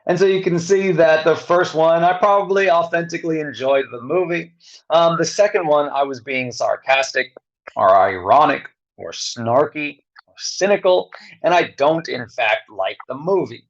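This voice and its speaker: A man giving a recorded lecture, speaking slowly with long pauses and frequent fillers. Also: a little high, dull audio. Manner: slow, pausing delivery with many fillers.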